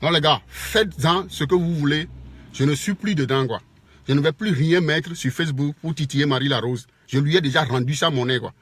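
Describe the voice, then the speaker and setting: A man's voice: a little high, fairly quick, a bit bright, husky, dry recording. A man from Togo with a Togolese French accent, lecturing his online followers in a repetitive, impassioned rant. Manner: lecturing, repeats phrases, tags "quoi". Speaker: social media commentator. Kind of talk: impassioned Facebook video rant.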